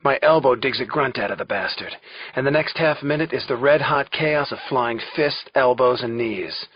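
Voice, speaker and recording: A man's voice: mid-range voice, moderate pace, breathy edge, dry recording. A man narrating a first-person suspense audiobook in a wry, conversational way. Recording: dull lo-fi recording.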